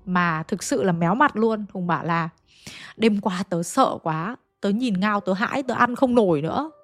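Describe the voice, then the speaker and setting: Woman, mid-pitched storyteller, suspenseful ghost-story read over faint music. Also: normal speed. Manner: lively, shifting pace and loudness for suspense. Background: faint background music.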